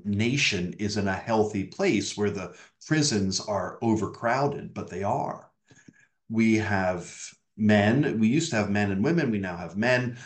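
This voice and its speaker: A middle-aged man preaching earnestly over a video call from a room at home, repeating key words for emphasis. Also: lowish voice. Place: home room with tall glazed bookcase. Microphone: webcam on a video call. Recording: echoey room.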